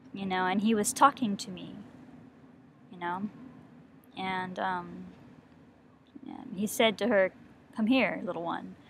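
A woman's voice: mid-range voice, fairly bright tone, a little hiss or hum. A mother talking casually about a Bible book on her video blog, rambling and chatty, full of "okay" and "you know.".

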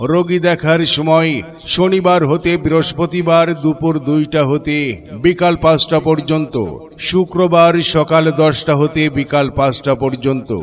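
A man making a promotional announcement over an outdoor loudspeaker, emphatic and repeating key phrases. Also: a little high. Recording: long echoing reverb.

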